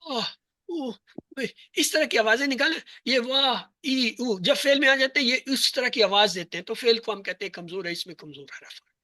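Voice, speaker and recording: Bright-voiced male Arabic grammar teacher. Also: extremely high pitch, no room sound. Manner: explains by asking the class questions and answering them himself; slow, spelled-out listing of letters and words. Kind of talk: classroom lesson.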